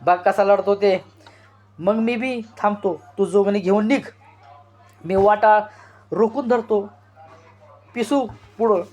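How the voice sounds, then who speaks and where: Brief: man voicing a bold rural rebel, commanding and urgent, high voice. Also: slow, long pauses, a little mellow.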